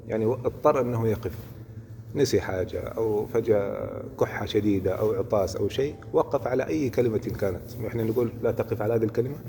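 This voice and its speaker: A man's voice: on the low side, vocal fry, warm tone. A man teaching Quran recitation in a religious lesson, explaining step by step and often checking that listeners follow. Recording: hall reverb with faint noise.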